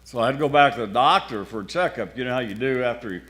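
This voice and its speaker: A man's voice: mid-range voice, quick pace, fairly bright tone. An older male pastor telling his own story from the pulpit. His talk is folksy and colloquial, with a wry, plainspoken turn. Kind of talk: sermon testimony storytelling.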